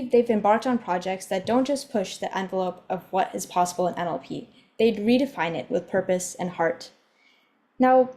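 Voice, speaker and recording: A woman hosts an online symposium from her computer mic on a video call. She speaks at a steady middle pitch, welcoming everyone in an organized, friendly way with a few ums along the way. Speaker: event host.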